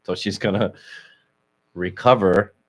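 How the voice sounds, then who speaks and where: A man in his fifties chatting casually as a co-host, blunt and jokey, swearing often and trailing off quietly. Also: deep voice, steady tone, unhurried, husky. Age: 50s. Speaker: chiropractor, podcast co-host. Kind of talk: casual chat.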